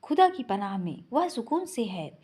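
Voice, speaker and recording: A woman voicing a sorrowful middle-aged mother, gently and tearfully consoling her son. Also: on the high side, big pitch swings, normal speed.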